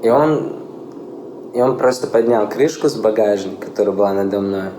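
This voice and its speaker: A man, quietly and haltingly recalling his experiences in an interview. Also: fairly low pitch. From Chechnya. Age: 20s. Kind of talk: testimony interview. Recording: roomy echo, faint ambient noise.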